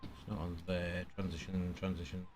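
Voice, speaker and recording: A man's voice: sits low, monotone, moderate pace, a little mellow. A man giving casual, think-aloud commentary as he streams a flight simulator. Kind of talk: casual live gameplay commentary. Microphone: headset.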